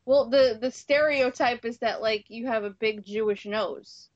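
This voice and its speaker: Chatty woman with a high voice. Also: measured pace, dry recording, lo-fi sound. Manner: laughs often, talkative and teasing. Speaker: podcast co-host. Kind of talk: casual chat.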